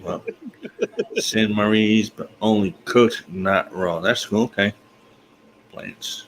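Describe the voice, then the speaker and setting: A man's voice: fairly low pitch, slow, slight background noise, low-quality recording. A man hosting a casual online group chat, joking and tripping over tongue twisters.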